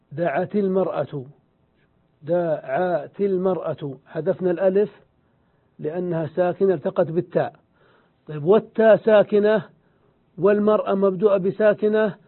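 A man giving a grammar lesson, explaining slowly and deliberately, repeating examples and answering his own questions. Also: high-pitched. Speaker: Arabic grammar teacher. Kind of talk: lecture. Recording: tinny phone-like sound.

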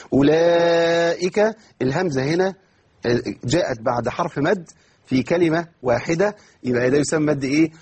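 A man with an Egyptian Arabic accent gives an online Quran recitation lesson, asking and answering his own questions and lengthening words slowly for demonstration. His medium-pitched voice is a little mellow, with a breathy edge.

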